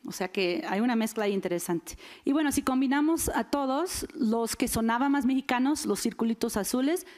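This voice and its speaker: A woman's voice: fairly high pitch, fairly quick, darkish tone. A woman giving an academic linguistics lecture to an audience, often checking in with short tag questions. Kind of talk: academic conference talk. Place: lecture hall.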